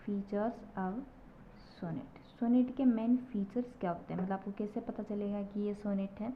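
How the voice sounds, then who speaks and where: A woman's voice: mid-range voice, steady tone. Woman teaching in a dull recording. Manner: slow, repetitive explaining with frequent checks of "ठीक है". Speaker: English literature teacher. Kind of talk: classroom lecture. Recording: dull lo-fi recording with faint noise.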